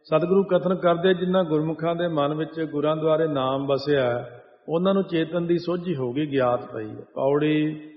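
A man giving a Sikh religious discourse. He sings lines of scripture slowly, then explains them in plain talk. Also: a little high, fairly even intonation. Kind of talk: sermon, chanting verses then explaining. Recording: echoey hall over a tinny line.

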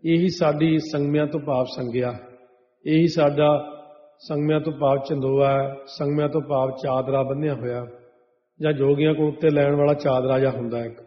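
A man giving a Sikh sermon who chants scripture verses slowly, then explains them line by line. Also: on the high side, fairly even intonation. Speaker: Sikh preacher giving katha. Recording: dull echoey hall sound.

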